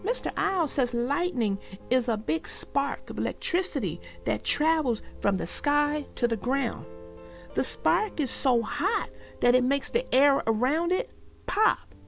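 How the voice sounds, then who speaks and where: Woman doing a smart-aleck beaver kid, high and bouncy, explains things, storybook character. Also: expressive, unhurried, vocal fry, soft background music, exaggerated voice. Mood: explaining. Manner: dismissive, explaining. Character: know-it-all young beaver, matter-of-fact.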